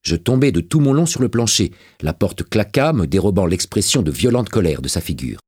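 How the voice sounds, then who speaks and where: Deep husky male audiobook narrator. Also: a little fast, no room sound, clean studio sound. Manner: dramatic, expressive reading. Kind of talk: scripted narration of a novel.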